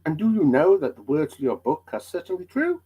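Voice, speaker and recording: A man playing an eager, credulous, curious traveller with hammy, excitable stage delivery in a dramatic storybook reading. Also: a little high, brisk, breathy edge, lo-fi sound. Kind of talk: dramatic reading of old allegory.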